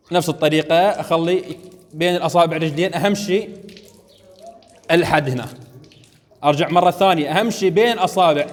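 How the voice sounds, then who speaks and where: A man's voice: on the high side, long reverb tail. A man with an Iraqi Arabic accent teaching students at a mosque, demonstrating step by step and often checking that they follow. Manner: coaxing, keeps checking understanding. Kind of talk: hands-on religious lesson to students. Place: mosque ablution area.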